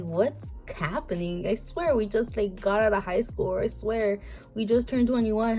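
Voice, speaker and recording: A woman's voice: medium pitch, darkish tone. A woman in her twenties chatting casually to camera, rambling with many fillers and restarts. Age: 20s. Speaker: vlogger.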